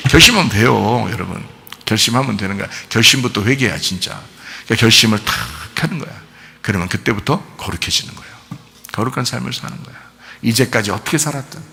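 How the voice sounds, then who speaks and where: A male pastor preaching a sermon in a conversational style, acting out quoted words gently and rising to loud emphatic outbursts. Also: mid-range voice, gravelly.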